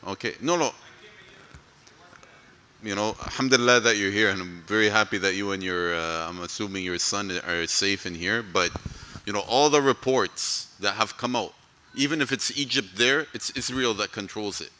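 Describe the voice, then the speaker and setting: A man's voice: on the low side, normal speed, pushed and bright. A man from Palestine, speaking for an advocacy group, answers audience questions in a mosque hall in a conversational way, often saying "you know".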